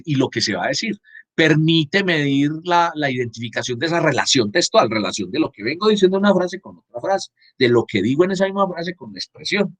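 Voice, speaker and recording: A man's voice: a little high, fairly bright tone, no echo. A man with a Colombian Spanish accent teaching a class over a video call. He explains step by step and keeps checking in with his students. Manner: explanatory, asks "¿cierto?" and "¿sí?" to check understanding. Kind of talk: online class lecture.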